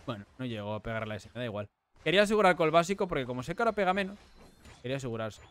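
A man with an accent from Spain giving live gameplay commentary, excitable and repeating himself, breaking into shouts. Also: mid-range voice, very fast, clear, resonant tone. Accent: Spain Spanish. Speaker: gaming streamer.

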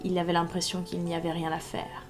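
A woman narrating a classic French novel in a measured storytelling voice, in a live reading. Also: on the low side, monotone, over music. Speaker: reader.

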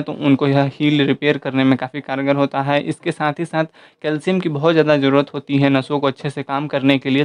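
A man giving an explanatory voice-over as host of an informational channel, listing points one after another at a steady pace. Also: medium pitch, clean tone, dry recording.

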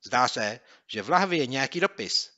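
An eager, hot-headed schoolboy bursts out with loud, high exclamations, as a male narrator puts him on. His voice is bright and forceful, and the storybook recording sounds slightly lo-fi. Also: expressive. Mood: excited. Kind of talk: audiobook character voice.

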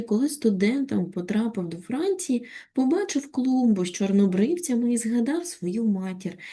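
A woman with a Ukrainian accent teaching a children's reading lesson on video, reciting a poem slowly and expressively, then patiently guiding the class. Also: fairly high pitch, breathy edge. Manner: slow, expressive poetry recitation. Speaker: primary school teacher.

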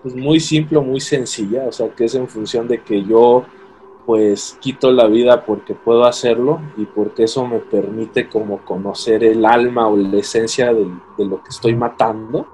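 A man's voice: medium pitch, steady tone, moderate pace, dark tone, a little hiss or hum, low-quality recording. A young man with a Mexican accent in casual chat, thoughtful and hesitant, searching for words as he reviews a series. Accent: Mexican Spanish.

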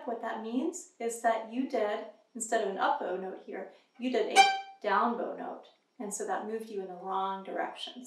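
A woman in her thirties teaching a violin lesson, patient and encouraging, counting beats aloud while she plays. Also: fairly high pitch. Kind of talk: instructional lesson. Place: room with a carved wooden screen, indoors. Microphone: far camera. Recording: roomy, distant mic with violin playing.

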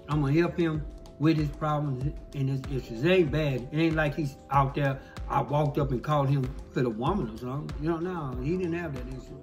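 A man's voice: on the high side, fairly bright tone. A middle-aged man chatting casually and giving heartfelt advice in an emphatic, repetitive, preachy way into a desk microphone. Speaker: mukbang host. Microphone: desk microphone close in front.

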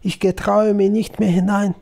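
A frightened young daughter of a charcoal burner speaks up high and tearful, as a male storyteller puts her on. His slow, husky, gravelly reading voice still shows underneath. The lines sound close to sobbing. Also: little pitch movement, warm tone.

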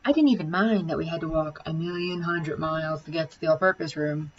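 A woman teacher reading a children's chapter book aloud, with lively, expressive storytelling. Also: deep voice, fairly quick, highs cut off, a little hiss or hum.

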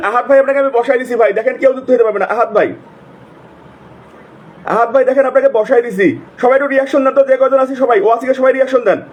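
A man's voice: very high-pitched, fairly even intonation, rapid-fire, pauses often, muffled recording. A man with a sore throat, hosting a live stream, calling out viewers' names over and over and urging them to join and comment. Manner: repetitive, urgent calling out of names. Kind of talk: live stream shout-outs.

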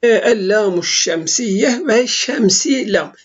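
A man teaching basic Arabic letters in a recorded lesson, speaking slowly and haltingly with frequent filler sounds. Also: sits high, lively intonation. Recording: dull lo-fi recording.

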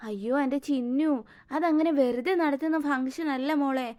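A woman voicing a gentle, patient cartoon mother who soothes and explains things to her daughter. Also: high voice, fairly even intonation, moderate pace, natural voice. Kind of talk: cartoon voice acting.

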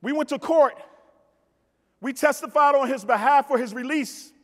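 A middle-aged American man speaks at a moderate pace in a very high-pitched voice, giving a motivational keynote on a convention hall stage. Emphatic in manner, he tells stories, repeats phrases and talks directly to the audience, with the big hall's PA echoing around him.

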